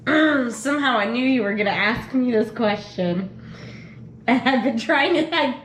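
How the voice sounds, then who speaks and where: A woman co-hosting a casual question game, chatty and thinking aloud with frequent pauses. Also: fairly high pitch, animated, a bit bright. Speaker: channel co-host answering questions. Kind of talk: casual chat. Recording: echoey room with faint noise.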